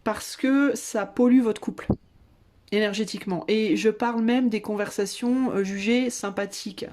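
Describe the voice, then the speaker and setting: A woman's voice: medium pitch, moderate pace, noisy background. A woman giving a casual tarot reading to her viewers, chatty and slangy, with many hesitations. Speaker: tarot reader.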